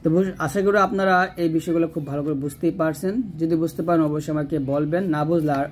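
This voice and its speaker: A man teaching Quran reading, explaining rules patiently and drawing out slow recited examples. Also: a little high, fairly even intonation, darkish tone, a little hiss or hum. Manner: patient step-by-step explanation, asks and answers own questions.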